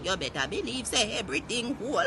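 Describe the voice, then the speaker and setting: A woman's voice: on the high side, very animated, fast, heavy background noise. A woman playing a feisty, gossipy old Jamaican grandmother in a comic audio story, ranting indignantly and with exclamations in Patois. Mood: scandalised, amused. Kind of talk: comic monologue rant in Patois.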